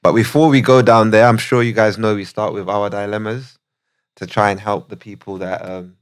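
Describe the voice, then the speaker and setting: A man's voice: fairly low pitch, moderate pace, smooth. A man hosting a podcast, chatting casually and joking with his guests. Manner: relaxed, joking, welcoming. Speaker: podcast host. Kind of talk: casual chat.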